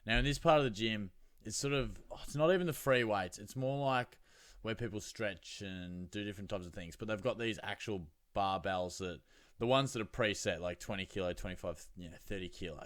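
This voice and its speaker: Casting: Australian male host, fairly low voice, dry close sound, slangy laddish solo chat. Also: a bit bright, dry recording. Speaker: fantasy football show host. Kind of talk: casual solo chat with anecdotes.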